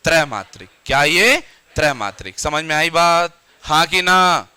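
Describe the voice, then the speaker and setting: A man's voice: a little high, lively intonation, a little slow, sharp tone, clear, resonant tone, dry recording. A man teaching a classroom grammar lecture who keeps asking the students questions and repeating the answers back.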